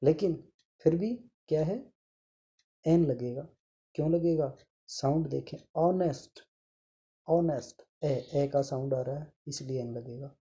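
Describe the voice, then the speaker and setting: Male teacher w/ a gravelly low-key voice, walks kids thru sounds one by one, real patient. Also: dark tone, highs cut off. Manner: patient, repeats sounds slowly, affectionate to pupils. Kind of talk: online grammar lesson.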